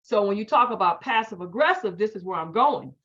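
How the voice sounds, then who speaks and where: Lively storytelling woman, dull lo-fi audio. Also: medium pitch, fairly quick. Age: middle-aged. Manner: animated, emphatic storytelling with quoted asides. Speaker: speaker. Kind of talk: storytelling talk to a group.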